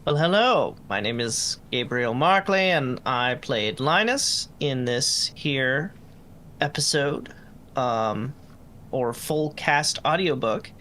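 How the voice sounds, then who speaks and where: A man's voice: mid-range voice, animated, takes it slowly, sharp tone, slight background noise. A man in the cast chatting over an online call in a playful, rambling way. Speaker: voice actor in the cast. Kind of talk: casual chat. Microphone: online voice chat.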